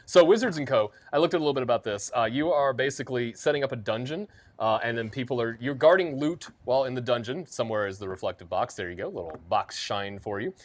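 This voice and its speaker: A man's voice: medium pitch, fast talker, few pauses. A man co-hosting a podcast, chatting casually and jokingly about board games with rambling asides. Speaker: podcast co-host.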